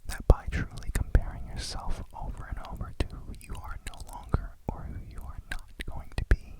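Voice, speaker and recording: A person whispering ASMR affirmations and guided meditation in a reflective, deliberate way. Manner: slow, reflective, deliberate phrasing.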